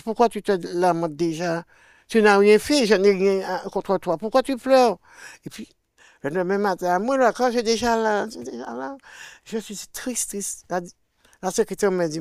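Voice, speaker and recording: An older woman with a Martinican French accent tells a personal faith testimony as an interview guest. She acts out the dialogue she quotes and swings between loud and hushed. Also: medium pitch, moderate pace, clear, resonant tone, dry recording, clean studio sound.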